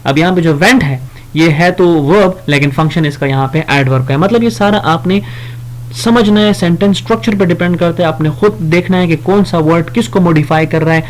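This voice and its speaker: Man with a higher voice teaching grammar. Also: a little hiss or hum. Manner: reads English examples slowly, explains in Hindi; casual explaining with fillers and self-corrections. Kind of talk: grammar lesson.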